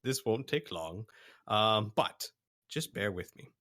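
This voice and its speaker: A man running a tabletop game as game master, narrating casually in a halting, conversational way. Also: lowish voice, expressive, a bit bright.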